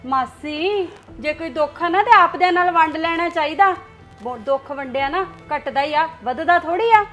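A woman's voice: high-pitched, normal speed, a bit bright, faint music behind. A young woman acting a scheming niece who talks in a meddling, mocking way. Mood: prying. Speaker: niece in a family drama. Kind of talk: Punjabi short film acting.

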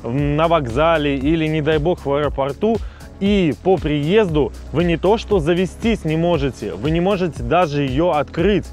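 Guy in his 30s w a burry r, bit higher voice, doing a diy car vlog explainer, light music in back. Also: a little mellow. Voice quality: burry, non-standard r sound. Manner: addresses viewers as friends, step-by-step explaining. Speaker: car repair vlogger. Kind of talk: explanatory how-to vlog to camera. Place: outdoors in a residential yard beside a car.

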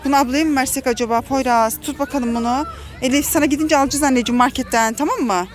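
A woman with a Turkish accent narrates a family pretend-play vlog as a mother talking to her kids. Her voice sits very high, and she fills it with excited, dramatic warnings. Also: quick pace. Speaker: mother filming her children.

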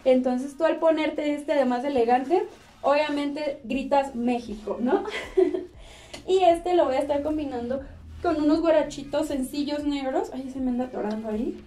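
Young Mexican woman fashion vlogger, high mellow voice, chatty and upbeat, mic a touch distant. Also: normal speed. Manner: cheerful, chatty, laughs often. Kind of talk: casual chat to camera. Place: small indoor room with clothes rack.

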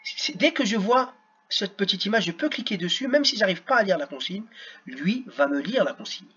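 A man's voice: sits high, expressive, normal speed, fairly bright tone, breathy edge, highs cut off. A man teaching young children at a computer, sounding out words syllable by syllable. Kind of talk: screen-recorded lesson for children.

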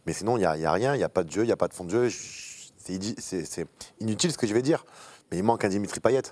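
A man's voice: on the low side, rapid-fire, darkish tone. A man in his forties, a pundit in a TV studio, giving blunt, critical match analysis.

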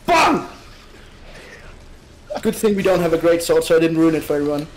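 A man chatting casually and joking while playing a game with friends, shouting short bursts during the action. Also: fairly high pitch, racing, a little hiss or hum, low-quality recording. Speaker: co-host gamer. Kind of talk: casual gaming chat.

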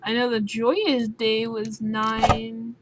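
A young woman playing a puzzle game and thinking out loud, swearing often and sounding sleepy. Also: fairly high pitch, level tone, takes it slowly. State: sleepy, just woke up. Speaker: gaming YouTuber. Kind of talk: let's play commentary. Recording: noisy home recording with keyboard sounds.

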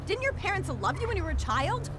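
Shrill, spoiled American starlet. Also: female voice, big pitch swings, fast, noisy background, exaggerated voice. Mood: haughty, indignant. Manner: shrill, indignant, entitled. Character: spoiled, hysterical young film starlet, self-important. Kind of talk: video game voice acting. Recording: game audio with loud music.

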